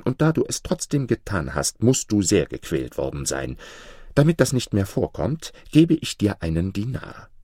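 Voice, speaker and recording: Man reading as a calm wise judge, deep, measured, lively lilt, dry sound. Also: dry recording. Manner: measured, solemn. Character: wise, fair-minded male judge.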